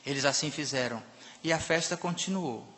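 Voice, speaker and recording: A male preacher delivers an emphatic sermon. His voice sits high for a man and rings bright and forceful. A long church-hall reverb trails every phrase. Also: normal speed. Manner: emphatic, with sudden swings between loud and soft. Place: church sanctuary.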